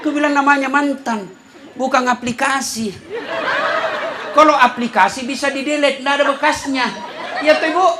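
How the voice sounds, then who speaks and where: A man's voice: very high-pitched, normal speed, pauses often, a crowd in the background, background noise. A man preaching a humorous sermon to a live audience, acting out the voices of the people in his stories. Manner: animated, acts out voices of listeners and himself.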